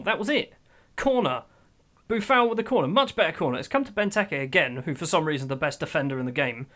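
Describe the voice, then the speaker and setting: Excitable man commentating a game. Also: fairly high pitch. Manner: excitable, swings from grumbling to loud outbursts. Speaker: gaming YouTuber. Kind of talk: let's-play commentary over a football management game.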